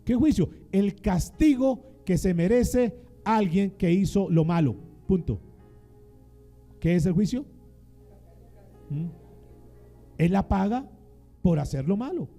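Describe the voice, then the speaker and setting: Gravelly, dramatic male preacher. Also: high-pitched, dark tone. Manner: dramatic call-and-response preaching. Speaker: pastor. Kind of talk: sermon.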